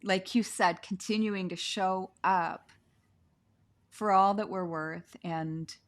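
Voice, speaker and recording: A woman's voice: medium pitch, steady tone, slow pace. A woman hosting an interview over a video call, talking in an effusive, gushing way, often saying "like" and laughing. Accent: Canadian. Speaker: podcast host. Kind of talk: warm conversational interview. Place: sitting on the floor at home.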